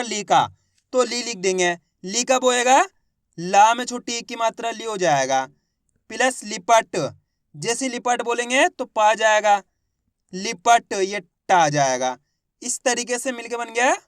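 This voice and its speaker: A man's voice: very high-pitched, a bit bright, dry recording, clean studio sound. A man teaching reading, drawing out each syllable and quizzing viewers as a teacher. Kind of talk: slow spelling lesson, sounding out syllables.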